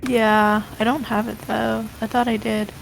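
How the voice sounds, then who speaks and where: A woman's voice: on the high side, little pitch movement, measured pace, creaky, a little hiss or hum, low-quality recording. A woman chatting casually as a player in a tabletop game. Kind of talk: casual chat.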